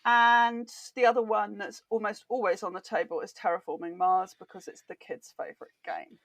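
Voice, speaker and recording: A woman's voice: mid-range voice, fairly even intonation, normal speed, creaky, no room sound. A British woman, a board game author, chatting enthusiastically as a podcast guest. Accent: British English. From Britain. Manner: enthusiastic, chatty, laughs easily. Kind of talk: casual interview chat.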